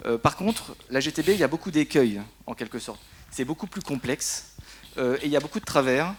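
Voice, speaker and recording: Fast-talking man explaining on a panel. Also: fairly high pitch, animated, slight background noise. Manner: explanatory, frequent tag "hein", some fillers. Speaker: deputy director of an energy syndicate, panelist. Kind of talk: conference round-table presentation. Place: conference hall.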